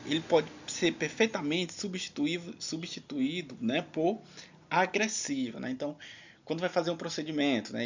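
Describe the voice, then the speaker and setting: A man's voice: mid-range voice, breathy edge, highs cut off. A man teaching an online exam-prep lesson in a chatty, casual way, leaning on filler tags.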